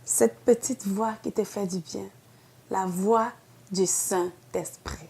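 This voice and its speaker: A woman's voice: mid-range voice, fairly even intonation, takes it slowly, vocal fry, dark tone, a little hiss or hum. A woman pastor with a Québécois French accent giving an earnest devotional sermon, pleading and then rising to emphatic outbursts.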